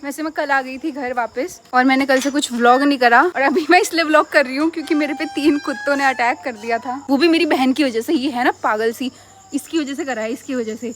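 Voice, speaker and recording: A woman's voice: high voice, slight background noise. A young woman vlogging casually, telling a story animatedly with laughs. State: hiccuping. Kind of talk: casual vlog chat. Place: home and neighbourhood street.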